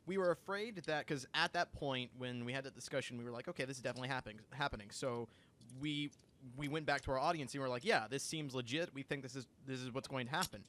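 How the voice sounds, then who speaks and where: In a casual livestream, a young man co-hosting the channel tells stories excitedly in a mid-range voice. He speaks fast and keeps starting over.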